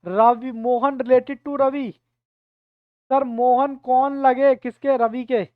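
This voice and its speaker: This online reasoning class is taught by a man whose voice is extremely high, level, and slow. He goes through the material one step at a time and keeps prompting students for answers, captured in a tinny, dry, echo-free recording.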